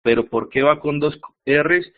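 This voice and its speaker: Male teacher, unhurried and patient, repeats examples, narrow phone-quality sound. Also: fairly high pitch. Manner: patient, repeats words and checks with "¿listo?". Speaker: English teacher. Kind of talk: online grammar lesson. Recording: tinny phone-like audio.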